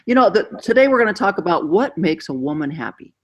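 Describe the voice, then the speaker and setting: A woman's voice: on the low side, sing-song, fast, crowd noise. A woman hosting a casual chat show, playful and teasing, laughing often between remarks. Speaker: host.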